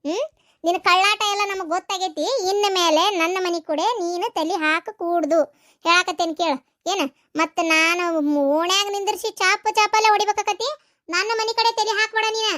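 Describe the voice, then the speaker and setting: A woman's voice: extremely high pitch, fairly even intonation, normal speed, sharp tone, no echo, studio quality. A woman voicing a fierce, protective middle-aged village mother in a cartoon, scolding sharply in a North Karnataka Kannada accent. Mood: angry. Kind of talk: cartoon voice acting.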